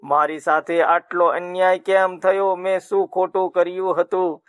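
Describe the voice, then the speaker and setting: A man's voice: high-pitched, little pitch movement, a little slow, a bit bright, smooth, dry recording. A man voicing the grieving queen Draupadi in a told myth, speaking in a trembling, imploring way. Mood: pleading. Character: grieving queen Draupadi, adult woman, pleading.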